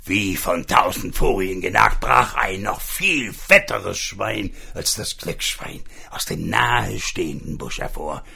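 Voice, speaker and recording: A man telling a comic fairy tale in a slow, gravelly voice. His delivery is playful and theatrical, with lots of rise and fall. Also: deep voice, expressive, bright, forceful tone. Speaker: storyteller.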